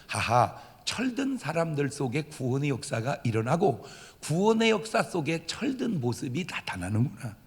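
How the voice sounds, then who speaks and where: A man's voice: on the high side, very animated, moderate pace. A man preaching a Sunday sermon as pastor, who acts out crying children while he speaks. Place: church sanctuary. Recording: church hall reverb.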